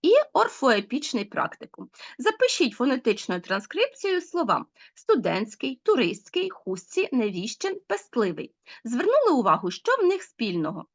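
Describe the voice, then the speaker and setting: A woman teacher with a slightly high voice speaks at normal speed, her pitch swinging hugely. In a recorded online language lesson for schoolchildren, she explains patiently and asks them questions.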